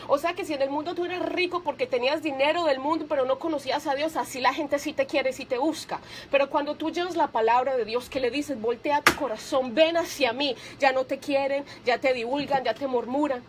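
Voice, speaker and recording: A woman delivers a fervent radio sermon in a high, bright-pitched voice. She slows down to read scripture aloud, leaning hard on each phrase. A faint hiss sits under her voice. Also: fairly even intonation. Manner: reads scripture slowly and with emphasis. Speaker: radio preacher.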